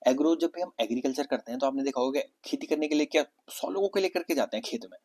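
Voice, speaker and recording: A man's voice: on the high side, fast talker, a little mellow. A young man from Uttarakhand, India, teaching an exam vocabulary lesson, explaining each word with repetition and rhetorical questions. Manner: explanatory, repeats words and asks rhetorical questions.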